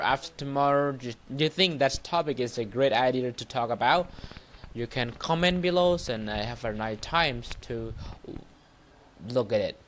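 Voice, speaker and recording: This man, a Buddhist monk teacher and livestream host, speaks with a Cambodian accent at medium pitch, and there is slight background noise. His English is halting, repetitive and non-native in phrasing as he gives an informal livestreamed motivational talk and lesson.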